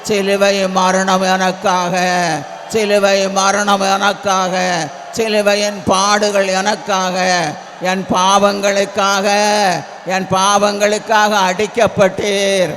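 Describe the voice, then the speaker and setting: A man's voice: sits high, monotone, slow pace, fairly bright tone. A man with a Tamil accent preaching and leading a pleading, repetitive prayer as a pastor in a church prayer hall. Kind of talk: sermon and loud congregational prayer. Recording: long hall reverb with faint ambient noise.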